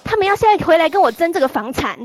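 A woman, telling a story on a talk show in an animated way, full of restarts and repeats. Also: very high voice, rapid-fire, dry recording. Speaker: guest storyteller. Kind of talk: casual storytelling on a live chat show.

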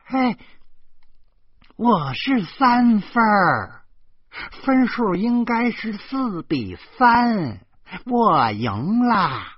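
A man's voice: on the high side, sing-song, slightly rough, no room sound, lo-fi sound, voice pushed up, full character voice. A man playing a nagging sarcastic old aunt. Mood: boastful, scolding. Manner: drawn-out mocking put-on tone. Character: bossy sarcastic older aunt, loud and nagging.

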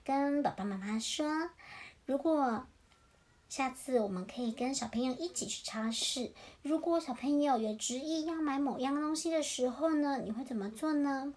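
Woman, high voice, gentle bedtime storyteller. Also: normal speed. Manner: gentle, singsong, addressing children. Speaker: parent storyteller.

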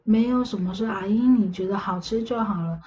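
A woman's voice: medium pitch, fairly quick, dark tone, muffled recording, close to an everyday voice. A woman voicing a sweet, timid little kindergarten girl in a spoken ghost story, with a pleading, childlike manner.

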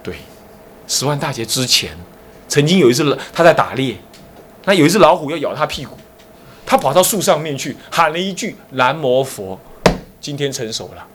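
Animated Taiwanese monk, lively storyteller. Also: male voice, fairly high pitch, fairly quick, pauses often, slight background noise. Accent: Taiwanese Mandarin. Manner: animated storytelling, acting out dialogue between characters. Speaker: Buddhist abbot teaching a class. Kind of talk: Buddhist dharma lecture.

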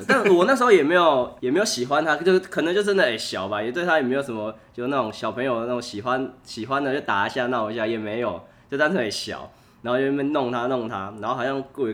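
Bright-voiced Taiwanese man, laughing storyteller. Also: mid-range voice. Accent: Taiwanese Mandarin. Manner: laughs often while telling stories. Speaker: podcast guest. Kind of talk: casual storytelling chat.

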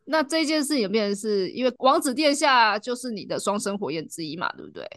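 A woman's voice: on the high side, expressive, fast, fairly bright tone, no room sound, studio quality. A woman hosting a chat podcast, reacting with exclamations and asking guiding questions. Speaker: podcast host. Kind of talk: casual chat.

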